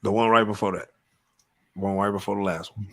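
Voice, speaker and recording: Man, host, casual live banter, cussing and emphatic, fairly low voice. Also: level tone, a little fast. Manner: profane, emphatic, repeats "you know what I'm saying". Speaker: podcast host.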